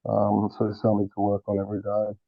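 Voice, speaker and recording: A man on a group call, his voice muffled as if underwater, speaking earnestly with halting restarts. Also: lowish voice, completely flat delivery, gravelly, dry recording. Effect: muffled, underwater-sounding audio. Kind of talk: casual group discussion. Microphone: remote call, no earphones. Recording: muffled phone-like call line.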